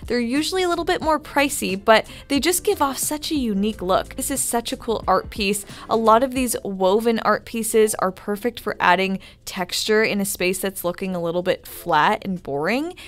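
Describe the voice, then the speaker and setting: A woman interior designer narrates a shop-with-me voice-over while walking through a home decor store, offering upbeat, chatty shopping tips. She has a mid-range voice, speaks at normal speed, and pauses little.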